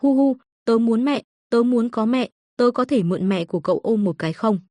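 A lonely little ghost boy who whimpers and pleads in a slightly high voice, played by a woman reading the audiobook. The sound is dry and close, with no room around it. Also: expressive, a little fast, warm tone, dry recording, lightly acted. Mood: tearful. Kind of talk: audiobook narration.

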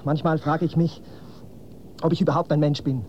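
A man's voice: fairly high pitch, flat delivery, moderate pace, muffled recording, a little hiss or hum, natural voice. An actor playing a brooding, arrogant teenage boy in a radio play, curt and dismissive. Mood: defiant.

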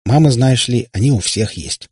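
A man's voice: medium pitch, normal speed, mellow, breathy edge, no echo, clean studio sound, pitched above the performer's own voice, close to an everyday voice. A male narrator voicing a tired warlock father who rambles pedantically. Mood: weary. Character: weary, long-winded warlock father.

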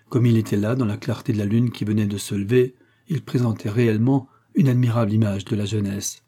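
Un narrateur de livre audio, lecture posée et régulière, voix grave et feutrée au grain légèrement voilé. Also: male voice, mid-range voice, breathy edge. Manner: steady, measured. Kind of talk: audiobook reading of an adventure novel.

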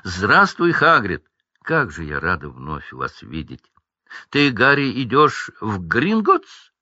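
A man's voice: on the low side, huge pitch swings, takes it slowly, bright, forceful tone, no echo, dull audio, heavily acted. A man voicing an eager, clever young schoolgirl in a raised voice.

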